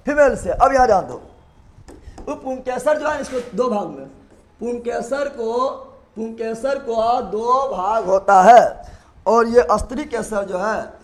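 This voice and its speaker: A male teacher runs his lesson as a call-and-response drill. He asks the same question again and again, then echoes the answer back. His voice sits high for a man. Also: slow. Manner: drills the class with call-and-response questions, repeating each term. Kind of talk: classroom biology lesson. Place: classroom with students.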